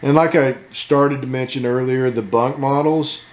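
A man's voice: mid-range voice, steady tone, normal speed, reverberant. A man casually walking through a camper as an RV channel host, joking and laid-back in his asides. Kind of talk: casual walkthrough commentary. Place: inside a camper at an RV show.

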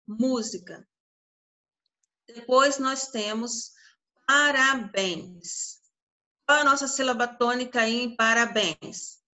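A woman's voice: a little high, sharp tone. A woman teacher with a Brazilian Portuguese accent giving an online grammar lesson, stretching out her example words and often checking in with the class. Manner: drawn-out syllables, frequent check-ins with the class.

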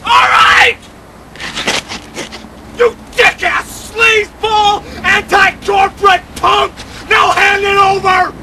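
An actor playing an angry man who has chased a rival for days, shouting insults and demands in an amateur film. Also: very high-pitched, a little slow, creaky, hardly any pauses, full character voice. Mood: furious. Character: angry male pursuer chasing a rival. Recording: loud noisy outdoor amateur recording.

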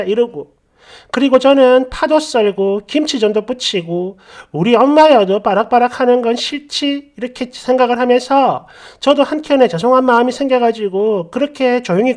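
A man narrating a first-person story aloud for a story channel, with a voice pitched strikingly high for a man. He reads as if working through the text on the fly, keeping a steady storytelling flow. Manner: first-person narration, reading live while sorting the text. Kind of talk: reading a submitted story aloud.

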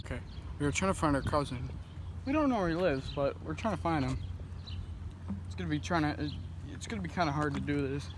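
A man's voice: a little high, expressive, quick pace. Young guy rambling into his phone in a noisy car. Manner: rambling, jokey, with many restarts. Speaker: vlogger. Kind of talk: casual vlog chat.

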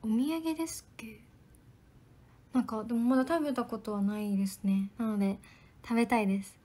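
A young woman, an idol trainee, chatting politely on a livestream and answering viewer comments, often dropping into soft whispered asides. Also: a little high, fairly even intonation, a little fast.

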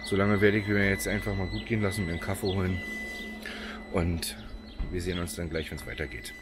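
A man in his thirties talks casually into a phone at arm's length while walking around a small outdoor car park. His voice sits a little low, and he explains things in a chatty way. Loud outdoor noise runs under everything he says. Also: steady tone, fairly quick. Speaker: electric car vlogger. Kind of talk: casual vlog narration. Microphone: phone camera at arm's length.

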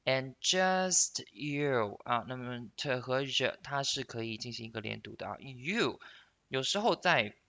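A man giving an explanatory English lesson, patiently slowing down to model phrases for repeating, ending sentences in soft drawn-out particles. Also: mid-range voice, vocal fry. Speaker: English teacher.

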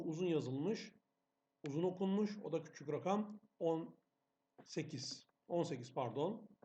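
A man's voice: fairly high pitch, mellow, lo-fi sound. A male English teacher patiently walking students through exam questions, asking and answering his own questions. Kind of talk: exam-prep lesson narration over slides.

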